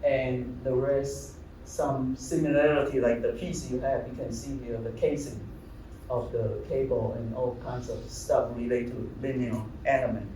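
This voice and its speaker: A middle-aged man from Taiwan, a visual artist, giving a halting talk about his slides, often searching for words. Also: mid-range voice, steady tone, warm tone, far from the mic. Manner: halting, searching for words, many fillers and restarts. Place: large gallery hall. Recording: echoey hall, speaker off-mic, faint room noise.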